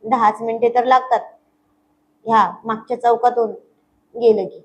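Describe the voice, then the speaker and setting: A woman's voice: a little high, level tone, normal speed, highs cut off, natural voice. A woman voicing a mischievous young wife in a spoken story, coaxing and teasing her husband.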